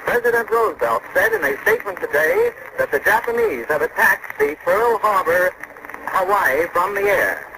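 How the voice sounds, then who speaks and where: Male announcer, 1940s newsreel radio bulletin, urgent and fast, heavy static and distance on the old recording. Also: high voice, wildly swooping pitch, creaky. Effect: old 1940s newsreel radio broadcast.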